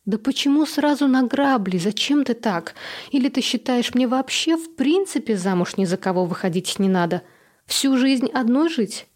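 A woman's voice: fairly high pitch, animated, normal speed, a little mellow, pitched above the performer's own voice. A woman voicing a patient but exasperated young adult daughter who talks in a weary, reasoning tone. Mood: defensive.

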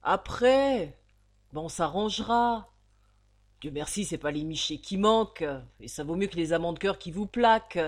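A woman voicing a coarse, greedy old female innkeeper with a hoarse, gravelly voice, loud and bullying. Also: lowish voice, animated, normal speed. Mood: wheedling.

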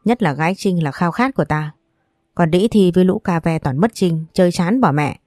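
A woman reading the lines of a crude, menacing drunken older man in a storybook, voicing his coarse, vulgar threats in a low, mellow voice. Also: animated, normal speed, dry recording, studio quality, faint music behind, close to an everyday voice. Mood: leering.

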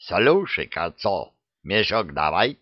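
A man voicing an excitable young mountain groom with a Caucasian accent and broken grammar. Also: low-pitched, slow pace, dry recording, dull audio, full character voice. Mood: demanding. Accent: Caucasian-style broken Russian.

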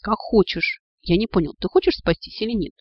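A man's voice: high voice, a little fast, breathy edge, dry recording, highs cut off, pitched above the performer's own voice. A man voicing a grumpy, scolding male talking blade in an audiobook. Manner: grumbling, scolding, impatient.

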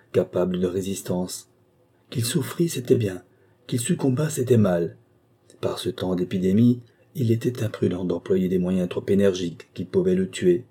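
Male audiobook narrator, measured literary delivery, low pitch, very dark husky timbre. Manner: measured, even literary reading. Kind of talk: scripted narration.

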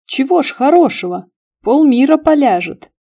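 A woman's voice: medium pitch, animated, normal speed, mellow, close to an everyday voice. A woman reading the lines of a jealous, sulky young man in an audiobook.

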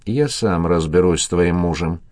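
A man's voice: low-pitched, moderate pace, a little mellow, no room sound, studio quality, lightly acted. A man reading an audiobook, voicing a crazed male historian who hisses his threats. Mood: grim. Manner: hissing, menacing.

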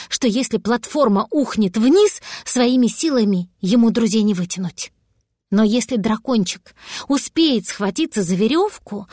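A woman narrating a children's story aloud in a lively, expressive way. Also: a little high, no echo, clean studio sound. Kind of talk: storybook reading.

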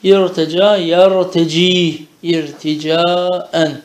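A man's voice: high voice, flat delivery, slow pace, roomy sound. A man teaching a traditional madrasa-style Arabic lesson, chanting verb conjugations in rhythmic drills and explaining them in Turkish, often checking with "değil mi?".

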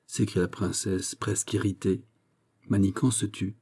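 Low, mellow male audiobook narrator. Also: flat delivery, normal speed, slightly rough. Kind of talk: scripted narration.

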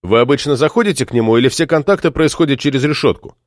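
A man's voice: medium pitch, animated, quick pace, no room sound, natural voice. A man voicing a male senior constable who asks questions dryly. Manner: dry, questioning. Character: dry, inquisitive male police constable.

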